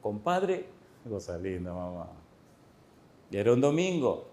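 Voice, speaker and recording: A man's voice: lowish voice, unhurried. Man preaching a story-filled sermon. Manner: lively storytelling, addressing the congregation with questions. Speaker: pastor. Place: church.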